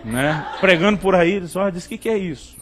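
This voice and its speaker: A man's voice: high-pitched, expressive, brisk, a bit bright, a little hiss or hum. A Brazilian man with a Brazilian Portuguese accent, preaching a humorous sermon full of stories and asides to his listeners. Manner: jokey, addresses listeners as "querido".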